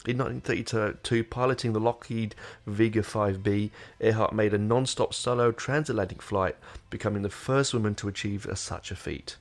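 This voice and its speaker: Getting over being sick, this man sounds nasal as he hosts his podcast through a desk microphone, rambling casually with fillers and restarts. His voice is on the low side, steady in tone, at a moderate pace with few pauses, and faint music plays behind him.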